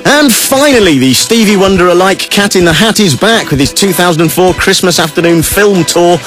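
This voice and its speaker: British man, deadpan, over loud music bed. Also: high voice, brisk. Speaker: comic gig-guide presenter. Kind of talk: scripted comic radio listings read.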